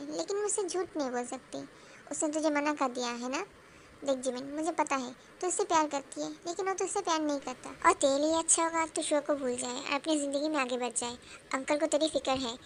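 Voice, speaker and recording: A woman's voice: high voice, fairly quick, fairly bright tone, a little hiss or hum. A woman voicing a frank young woman friend in a fan-dubbed drama, giving earnest advice.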